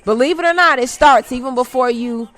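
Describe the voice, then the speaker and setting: A woman's voice: high voice, fairly quick, a bit bright. A woman hosting an inspirational talk radio show, upbeat and teasing, who sometimes stumbles over words and corrects herself. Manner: upbeat, teasing, laughs at own jokes.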